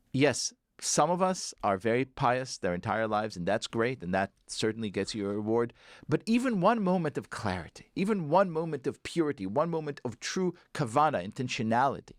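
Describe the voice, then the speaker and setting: Animated male author telling a story. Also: mid-range voice, no echo, clean studio sound. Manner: animated, swooping emphasis. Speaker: author guest.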